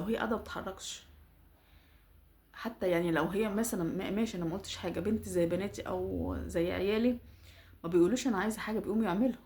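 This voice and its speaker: A middle-aged woman with an Egyptian accent, casually retelling a follower's family problem and giving animated advice. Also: medium pitch, gravelly. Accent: Egyptian Arabic. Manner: animated, rapid, emphatic advice. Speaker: social media storyteller and advice giver.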